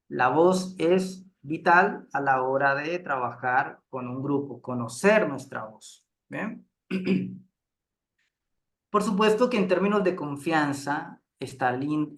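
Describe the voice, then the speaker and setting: Male instructor, slow deliberate delivery, keeps asking "right?" to check in. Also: a little high, gravelly, fairly bright tone. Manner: unhurried, checks in with frequent "¿sí?". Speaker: group facilitation instructor. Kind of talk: relaxed lecture to a class.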